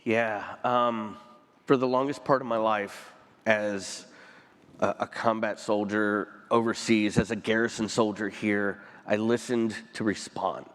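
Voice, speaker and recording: A man speaking as a panel guest onstage, earnest and emotional, pausing often and restarting his sentences. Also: lowish voice, fairly even intonation, a bit bright, big-room sound. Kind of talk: onstage conversation. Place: conference stage.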